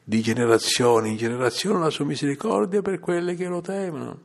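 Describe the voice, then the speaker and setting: A man delivering a sermon, reading scripture passages in a measured, solemn way with rising emphasis. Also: on the high side, creaky. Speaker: preacher.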